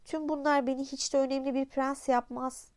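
A woman voicing a small, gentle boy prince who is curious and lonely, in polite, wondering tones. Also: high voice, level tone, brisk, dry recording, lightly acted. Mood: wistful. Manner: polite, wondering, soft-spoken. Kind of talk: audiobook character voice.

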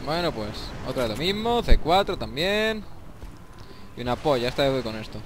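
A young man with a Spain Spanish accent giving excitable, swear-filled commentary over a shooter game and taunting the enemies. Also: medium pitch, fast talker, noisy background. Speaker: gameplay commentator. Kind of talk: let's play commentary. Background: faint game music and gunfire.

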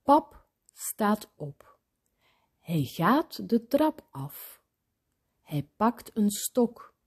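A woman reading a children's story aloud, very expressive, sometimes dropping to a whisper. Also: mid-range voice, breathy edge. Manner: very slow, expressive, drops to whispers.

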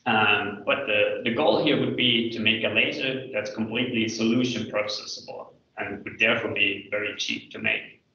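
A man presenting his PhD thesis defense as an academic slide talk, explaining in a hesitant, hedging, halting way. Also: lowish voice, expressive, vocal fry, bright, forceful tone. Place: indoor room, online video call. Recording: echoey room, distant mic, dull video-call sound.

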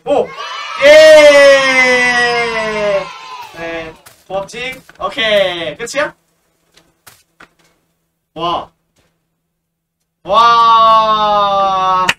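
A man streaming a horror game, chatting casually, teasing the characters and yelping at every scare. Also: high-pitched. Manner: jumpy, yelps and shouts at scares, teasing banter. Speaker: gaming streamer. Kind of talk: horror game let's play commentary. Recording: distant mic with clear background noise.

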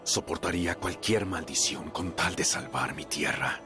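An actor playing a proud, vengeful young warrior prince in a video game, commanding and dramatic. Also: male voice, low-pitched, normal speed, over music, natural voice. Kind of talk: video game cutscene acting.

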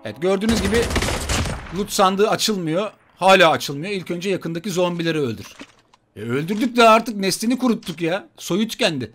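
A man commenting on his mobile shooter gameplay for viewers, excitable and joking, trash-talking enemies. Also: high-pitched, brisk. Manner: excitable, swears playfully, talks to viewers and enemies. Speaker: gaming YouTuber. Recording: gunfire and game noise behind.

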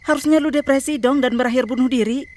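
A woman's voice: high-pitched, fairly even intonation, darkish tone, no echo, natural voice. Woman voicing a jealous nagging female ghost. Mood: reproachful. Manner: rapid, nagging, whiny. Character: jealous young female ghost, clingy and sulky.

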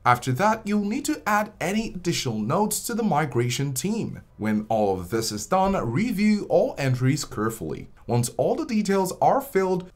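Lively-pitched tutorial voice-over narrator. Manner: steady step-by-step instructional delivery. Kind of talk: scripted screen-recording tutorial voice-over.

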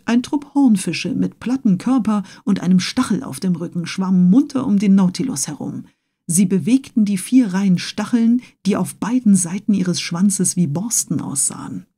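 A woman narrates a classic adventure novel in calm, even storytelling. Her voice is mellow and soft, at a medium pitch. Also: measured pace, husky. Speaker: audiobook reader. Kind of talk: scripted narration.

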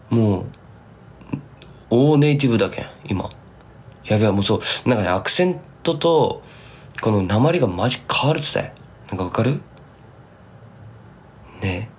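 A man's voice: lowish voice, darkish tone, slight background noise. Chatty young man with Kumamoto dialect. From Kumamoto, Japan. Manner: chatty, rambling, drops into thick local dialect. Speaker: singer-songwriter streaming live. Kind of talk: casual live-stream chat to fans.

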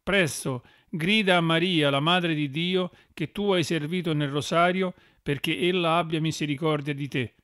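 A man voicing a kindly saintly friar who gives urgent, gentle counsel, read as an audiobook. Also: on the high side, moderate pace, hardly any pauses, clear, resonant tone, dry recording, studio quality, close to an everyday voice. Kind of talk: audiobook reading.

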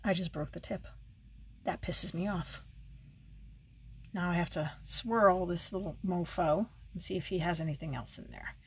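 Doing her makeup while seated at home, a beauty vlogger in a casual get-ready-with-me chat speaks at a normal speed with a voice on the low side and long pauses. Wry remarks and muttered asides fill her talk, with slight background noise.

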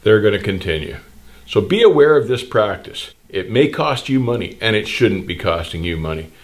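An older man hosting a trucking channel addresses the camera directly from a small indoor studio, gesturing broadly. His lowish, sing-song voice moves at normal speed through blunt, plain-spoken, indignant advice.

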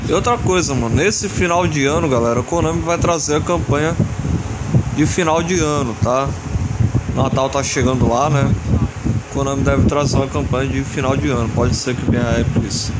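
A man's voice: fairly quick, very noisy. An eighteen-year-old man with a Brazilian accent, casually commenting over a mobile football game, repeating himself and tagging phrases with questions. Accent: Brazilian Portuguese. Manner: repetitive, chatty, tag questions after every phrase; bursts into high excited shouting at plays. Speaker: gaming channel host.

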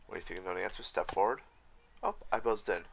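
A man's voice: low voice, fast talker, gravelly, a little hiss or hum. A man giving casual, frustrated commentary while rebuilding a game map, swearing often and correcting himself as he goes. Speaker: Minecraft YouTuber.

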